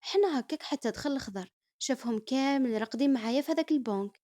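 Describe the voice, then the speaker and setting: A young woman with an Algerian accent narrating her own story in a lively, conversational way. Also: high voice, very fast. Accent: Algerian Arabic. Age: young adult. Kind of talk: first-person story narration.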